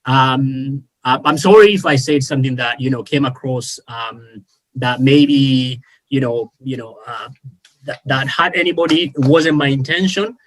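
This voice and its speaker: A man's voice: medium pitch, a little slow, a bit bright. Earnest Kenyan-raised male panelist. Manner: earnest, frequent fillers and restarts. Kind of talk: online panel discussion.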